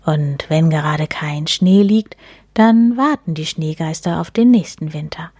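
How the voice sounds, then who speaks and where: A woman voicing a friendly, magical male snowman spirit in a read-aloud children's story, with a soft, breathy and mysterious way of speaking. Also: low voice, a little slow, dry recording, clean studio sound. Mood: gentle.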